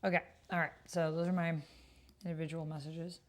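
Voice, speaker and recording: Deep-voiced and brisk, with a flat delivery, a woman streamer runs an online roleplaying game. Her talk is casual livestream chatter as she plays, mixed with thinking aloud and occasional muttering.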